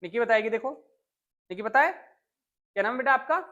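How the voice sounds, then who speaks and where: A woman's voice: on the high side, lively intonation, moderate pace, fairly bright tone, highs cut off. A woman teaching an English grammar lesson to children in a school classroom. She quizzes the pupils and repeats example sentences.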